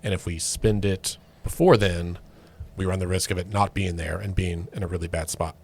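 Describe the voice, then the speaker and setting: A man's voice: deep voice, fairly even intonation, normal speed, creaky, darkish tone, breathy edge. Casual man co-hosting a podcast. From Oklahoma. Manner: conversational, many fillers and restarts. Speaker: podcast co-host. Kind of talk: casual political chat.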